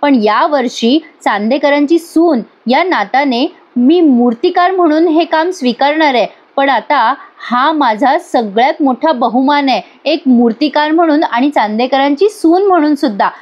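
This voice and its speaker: Feisty young woman sculptor voiced by a woman, indignant, scolding, high voice, dull lo-fi sound. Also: moderate pace, few pauses, lightly acted. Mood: proud. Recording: dull lo-fi recording.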